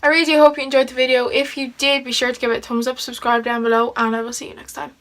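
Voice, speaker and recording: Racing along in a high, level, slightly bright voice, an Irish teenage beauty vlogger fields questions about herself during a get-ready-with-me video. Her manner is chatty and giggly, peppered with "like."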